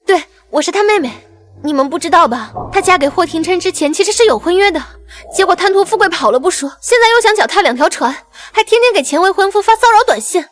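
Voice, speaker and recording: A jealous younger sister who spreads accusations. Her voice is very high, with faint music behind it. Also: expressive, fast. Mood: spiteful. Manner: accusing and petty.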